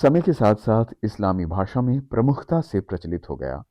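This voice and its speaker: A man narrating a scripted history explainer in a measured, steady read-aloud manner. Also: lowish voice, no room sound. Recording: dry, slightly dull studio voice-over.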